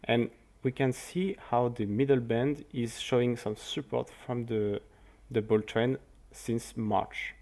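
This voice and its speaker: Man, French accent, non-native English, mid pitch, careful chart-walkthrough delivery with restarts. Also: steady tone, creaky, mellow. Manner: careful, halting speech with restarts. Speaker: crypto market analyst. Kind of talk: scripted market review over charts.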